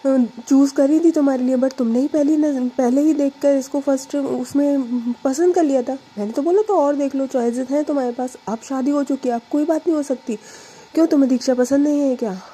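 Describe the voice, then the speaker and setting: A woman's voice: sits high, steady tone, fairly quick, mellow, pitched above the performer's own voice, lightly acted. A woman voicing a bossy but affectionate elderly grandmother who scolds and teases in a storytelling reading. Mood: scolding. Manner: scolding, teasing.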